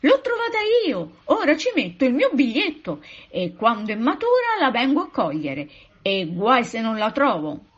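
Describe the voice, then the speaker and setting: Woman playing a bragging gentleman, high and excited, husky, muffled sound. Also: moderate pace, full character voice. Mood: boastful. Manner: boastful, possessive exclaiming. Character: triumphant man who found a strawberry. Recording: muffled lo-fi recording.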